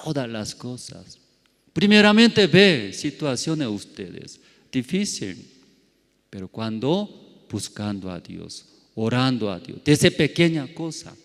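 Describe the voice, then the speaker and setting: A man preaching a Sunday sermon at a very unhurried pace. His plainly worded, learner-like phrasing swells into loud, emphatic lines and then falls back to near quiet. Long reverb from a church hall trails every phrase. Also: mid-range voice. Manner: simple, non-native Spanish grammar. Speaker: pastor. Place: church service.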